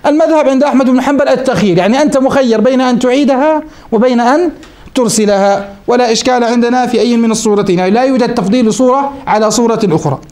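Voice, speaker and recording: High-voiced, quick-talking sheikh teaching a class. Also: male voice, a little mellow. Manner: explains step by step, asks the class questions and answers them himself. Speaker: sheikh teaching Hanbali jurisprudence. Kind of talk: classroom lesson on a legal text.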